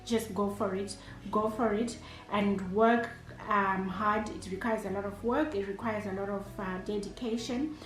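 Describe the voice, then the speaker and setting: Her voice mid-range, unhurried, and fairly even in intonation, a Zimbabwean chef and entrepreneur in her thirties answers interview questions with many hesitations, fillers, and restarts. The recording has an echoey room sound.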